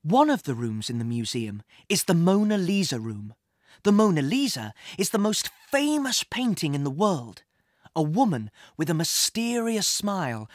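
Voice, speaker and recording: A woman narrating a children's adventure story in an expressive storybook reading style. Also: on the low side, no room sound, clean studio sound. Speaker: audiobook narrator.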